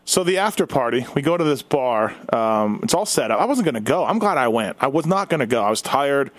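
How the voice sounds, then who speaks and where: A man's voice: mid-range voice, big pitch swings, brisk, no room sound. A man co-hosting a casual chat, recounting events and laughing easily. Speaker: podcast co-host, race reporter.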